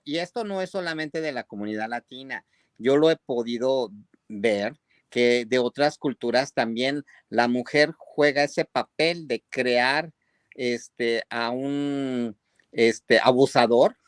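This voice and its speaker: A man's voice: medium pitch, slow, clear, resonant tone, dry recording, clean studio sound. A man, hosting a casual interview, who tells anecdotes in a chatty way with frequent hesitations. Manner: chatty storyteller with many "este" fillers. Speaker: host.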